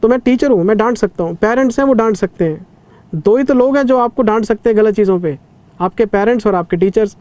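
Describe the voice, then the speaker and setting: A man's voice: high-pitched, fast, a little mellow, no echo. A man in his thirties teaching an accounting revision class in a conversational lecturing way, stern yet caring with students. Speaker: CA exam teacher.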